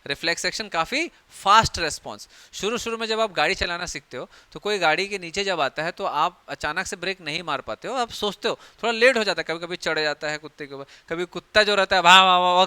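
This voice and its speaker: A man's voice: high-pitched, pushed and bright, smooth, no echo. A young man teaching biology in a chatty, joking classroom lecture, acting out everyday scenes.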